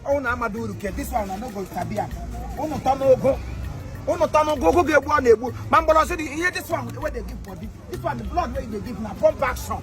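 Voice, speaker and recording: A man's voice: extremely high pitch, lively intonation, fast, music in the background. A Nigerian man playing a pleading, boastful market seller in a comedy skit. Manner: pleading, boastful sales patter.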